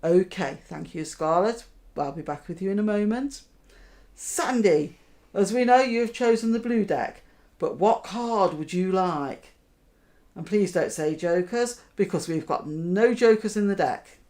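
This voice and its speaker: A woman magician giving card trick patter, deliberately talking her audience through each step and checking in with questions. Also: mid-range voice, lively intonation, dark tone. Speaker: magician, host.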